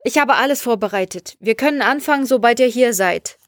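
A woman reading the part of an eerie radio voice posing as a lost male cosmonaut, slow and oddly detached. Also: fairly high pitch, no room sound, clean studio sound, close to an everyday voice.

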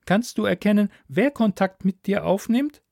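A man voicing a calm, inquisitive male alien mentor in a measured, questioning way. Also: sits high, creaky, dry recording, clean studio sound, voice pushed up. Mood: probing.

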